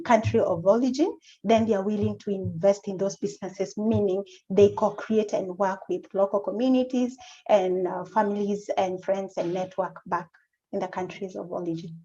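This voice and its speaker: A woman speaking as a panelist on a video call, measured and often correcting herself. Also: mid-range voice, mellow. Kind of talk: online panel discussion. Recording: muffled lo-fi video-call audio.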